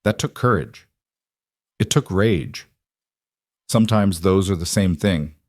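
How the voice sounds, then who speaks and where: A passionate, resolute grown woman , as a man reads her lines, earnest and measured. The voice sits fairly low, and the recording is close and dry, with no room sound. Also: no room sound. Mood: angry.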